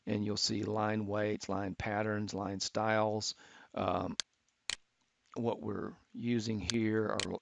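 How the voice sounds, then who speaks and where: A middle-aged man teaching architecture students, talking through a software tutorial with many fillers and restarts. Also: on the low side, creaky, background noise. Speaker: architecture instructor. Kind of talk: screen-recorded software tutorial. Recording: dull, lo-fi screen capture.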